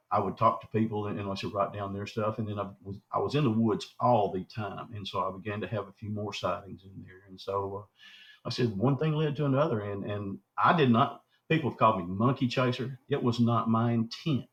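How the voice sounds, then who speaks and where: A man with a lowish voice, a Bigfoot researcher in his 60s from southwestern Arkansas, spins long folksy yarns as a guest in a rambling storytelling interview. He acts out the dialogue he quotes, and the recording sounds dull and lo-fi.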